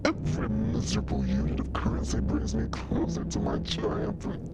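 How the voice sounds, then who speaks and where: A woman voicing an ancient, scheming male tentacle monster who runs a shop, her voice run through a voice changer that keeps morphing its pitch; she lays down rules pompously, like a tyrant. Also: huge pitch swings, normal speed, creaky, over loud music. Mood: domineering. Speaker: gamer voicing a game character.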